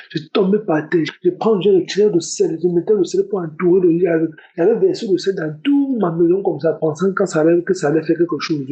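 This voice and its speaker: A man's voice: fairly high pitch, dark tone, dull audio. A young man giving a spoken religious testimony, earnest and repeating his words often. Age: young adult. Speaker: testimony giver.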